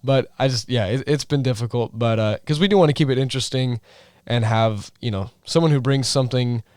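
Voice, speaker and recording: A man's voice: medium pitch, brisk, darkish tone, smooth, no echo, clean studio sound. Rambling young man on a podcast. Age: young adult. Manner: rambling, filler-heavy. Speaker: podcast co-host. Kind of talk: casual chat.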